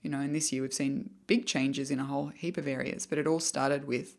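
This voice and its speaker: A woman talks as a podcast host in a casual, chatty way. Her voice sits low for a woman. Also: fairly even intonation, a little fast, creaky. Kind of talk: casual chat.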